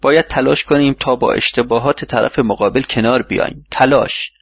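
A man's voice: medium pitch, gravelly, slightly rough, dry recording. A man reading as a patient old mentor. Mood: advising. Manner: calm, instructive, fatherly. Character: wise older male mentor gardener, patient. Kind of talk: audiobook reading. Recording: dull lo-fi recording.

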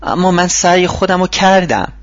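Male reader voicing eager polite young family man, raised husky voice, dull dry audiobook sound. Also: fairly high pitch, pitched above the performer's own voice. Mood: plaintive. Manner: polite, excited replies.

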